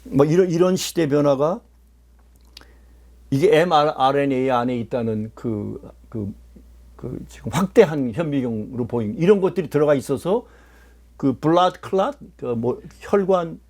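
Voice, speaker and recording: A man's voice: fairly high pitch, moderate pace, a little mellow. A man giving a political lecture, speaking emphatically, putting questions to his listeners and mixing in English phrases. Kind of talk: political lecture to a small audience.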